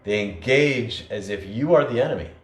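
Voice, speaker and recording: In an echoey room with faint noise, a man co-hosts a podcast, reflecting earnestly in conversation and often restarting or using fillers. His voice is fairly low and animated, moving at a moderate pace.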